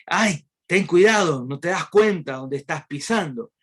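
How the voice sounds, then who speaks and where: A man's voice: takes it slowly, a bit bright. A man voicing a tiny, fragile female ant who angrily scolds and refuses to forgive. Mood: angry scolding. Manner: shrill and scolding.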